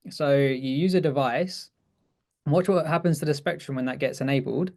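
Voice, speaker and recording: A man's voice: fairly high pitch, moderate pace, gravelly, darkish tone. A man co-presenting a webinar, chatting casually through a technical demo with frequent restarts and easy laughs. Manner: chatty, self-correcting, laughs easily.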